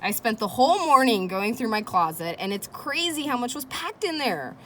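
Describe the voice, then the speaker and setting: A woman teacher with a fairly high, very animated voice and a sharp tone reads a children's chapter book aloud at a normal speed, adding casual, encouraging asides and questions for her listeners. The recording is noisy, with kids heard playing nearby.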